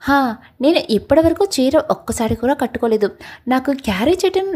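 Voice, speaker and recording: A woman's voice: sits high, lively intonation, brisk, mellow, slightly rough. A woman voicing a shy young woman who turns jealous easily, in a Telugu audio story. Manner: earnest, emotional.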